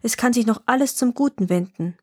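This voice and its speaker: A woman's voice: on the high side, fairly quick, darkish tone, husky, dry recording, studio quality. A woman reading a storybook, voicing a brave young male knight who speaks with courtly boldness. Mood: heroic.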